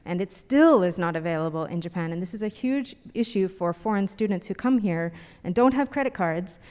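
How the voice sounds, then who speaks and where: A woman's voice: medium pitch, lively intonation, a little fast, a little mellow, clear, resonant tone. Chatty middle-aged woman, reverberant hall. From Canada. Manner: chatty, laughing, many fillers. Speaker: panelist. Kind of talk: symposium panel talk.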